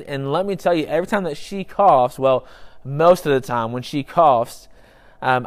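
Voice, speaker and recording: A young man preaching a sermon in an earnest, conversational way, repeating phrases for emphasis. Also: a little high. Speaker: pastor.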